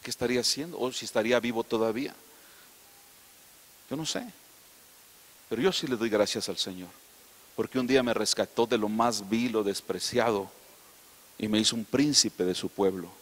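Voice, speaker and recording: A middle-aged man with a Mexican accent preaching a sermon, swinging from loud emphatic declarations to soft, confiding asides. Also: fairly low pitch, moderate pace, pauses often, in a large hall. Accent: Mexican Spanish. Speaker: apostle preaching.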